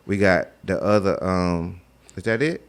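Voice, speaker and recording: A man's voice: low voice, a little slow, clean tone. A man talking sports in a casual, slangy debate, argumentative and repeating himself to make his point. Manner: slangy, informal. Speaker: sports talk co-host.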